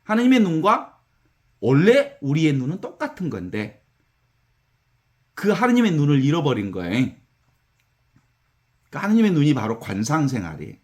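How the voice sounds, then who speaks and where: Animated Korean priest giving a talk. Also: male voice, on the high side, moderate pace, pauses often. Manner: conversational, animated storytelling with acted-out counting. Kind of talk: spiritual lecture.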